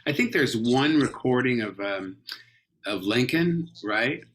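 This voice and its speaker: A man's voice: mid-range voice, animated, slow pace. A man from Los Angeles, an actor guest in a casual interview, telling rambling, anecdotal stories full of tangents. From Los Angeles, California.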